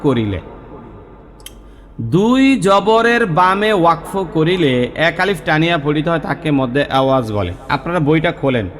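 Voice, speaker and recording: High-voiced man teaching recitation. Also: a bit bright, big-room sound. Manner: patient, repeats rules slowly, drawn-out recitation. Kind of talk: tajweed lesson.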